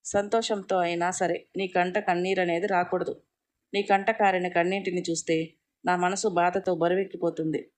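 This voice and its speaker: A woman voicing a tender, devoted young husband in a storybook reading, gentle and pleading. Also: fairly low pitch, flat delivery, moderate pace, close to an everyday voice.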